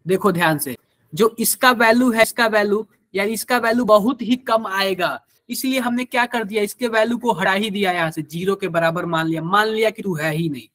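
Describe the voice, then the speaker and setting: A man's voice: high voice, fairly quick, a bit bright, no echo. A man with a Hindi accent teaching a live online chemistry class, quizzing students and using everyday examples.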